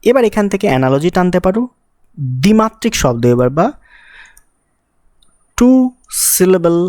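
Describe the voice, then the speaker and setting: A teacher explains physics problems for exam students one step at a time. The voice sits at a middle pitch, and it is recorded close up on a dry mic with no room echo. The teacher keeps asking the student rhetorical questions and uses English technical words in the middle of sentences. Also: sing-song, quick pace, a little mellow. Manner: mixes English technical terms into the talk. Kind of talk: exam-prep physics lesson.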